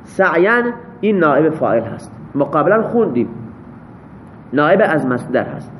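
A man leads a classroom grammar lesson, breaking each example sentence into its parts and checking with students as he goes. His voice sits high for a man, and he pauses on thinking fillers while working things out aloud. A faint background noise runs under the talk. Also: sing-song, a bit bright. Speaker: teacher.

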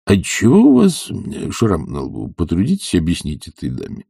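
A man's voice: low-pitched, huge pitch swings, moderate pace, vocal fry, dark tone, slightly rough, heavily acted. A man reading as a stern old professor. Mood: curt. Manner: firm, curt, mutters at times. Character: stern older male professor, imperious.

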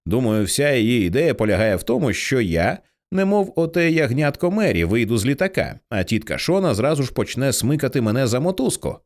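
A male narrator lightly puts on an edgy teenage girl in an audiobook, mocking and blunt, swearing offhandedly. The voice swings widely in pitch, rising high on her jabs. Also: sing-song, a little fast, few pauses. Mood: wry, anxious. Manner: blunt, sarcastic, swears casually. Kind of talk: audiobook reading.

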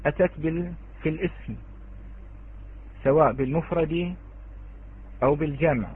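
Man, Quran teacher, online lesson, slow and repetitive, addresses students, slightly high voice, tinny phone-like audio. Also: breathy edge. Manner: slow, repeats key words, addresses students directly.

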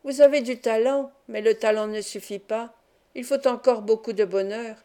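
Anxious pious young woman, pleading; a woman reader voices her. Audiobook, soft mellow tone. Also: fairly high pitch, steady tone, moderate pace, close to an everyday voice. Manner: worried, pleading. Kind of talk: audiobook reading.

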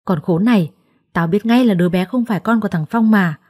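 A woman's voice: medium pitch, fairly quick, darkish tone, no room sound, clean studio sound, lightly acted. A woman voicing a furious, abusive middle-aged mother-in-law who screams insults. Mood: enraged.

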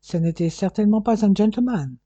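A man voicing a calm English detective who sighs and speaks with perfect composure, in a dry close recording. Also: high voice, brisk, dry recording, voice pushed up. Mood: cool. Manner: calm, sighing, understated.

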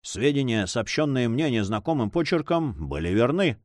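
A proud young captain sworn to revenge, read by a man. He bursts out vehemently, his pitch rising and falling widely, in a dry, close sound. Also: very animated, moderate pace, dry recording, natural voice. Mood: grieving. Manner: vehement, impassioned outbursts.

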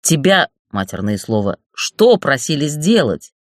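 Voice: mid-range voice, very animated, measured pace, no room sound, clean studio sound. A narrator voicing a crude, foul-mouthed middle-aged male boss who bullies and mocks in an audiobook. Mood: angry bullying. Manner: bullying, swearing, mocking. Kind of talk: audiobook character voice.

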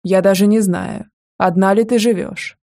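A woman's voice: medium pitch, fairly even intonation, moderate pace, warm tone, lightly acted. A woman voicing a composed, polite male boss in a romance audiobook.

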